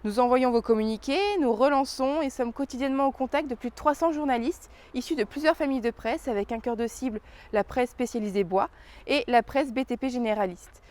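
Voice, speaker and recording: A woman's voice: sits high, fairly quick, darkish tone. A woman giving a scripted corporate presentation as a press relations officer.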